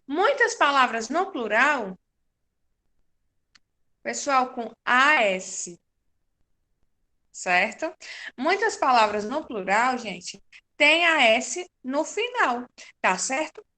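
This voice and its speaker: A woman teacher, giving a patient, slow-paced class to young children and confirming their answers. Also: sits high, very animated, bright, forceful tone. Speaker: primary school teacher.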